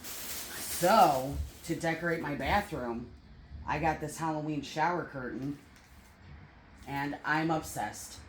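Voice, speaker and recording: A woman's voice: low-pitched, slow pace, pauses often. A woman chatting casually and enthusiastically in a home haul vlog, bubbly and jokey. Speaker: vlogger. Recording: roomy with light background noise.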